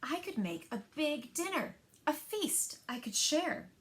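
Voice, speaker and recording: Brief: a woman reading as a gentle, wistful storybook bear, raised voice, unhurried. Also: high voice, sing-song, voice pushed up, heavily acted. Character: lonely gentle male bear, sad about having nothing.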